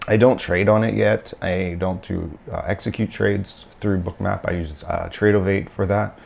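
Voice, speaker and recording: A man with a raspy voice from a cold, talking through his screen in casual live-stream commentary with many pauses and fillers. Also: low voice, fairly even intonation, a little mellow. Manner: unhurried, halting, many fillers. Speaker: day trader streaming live.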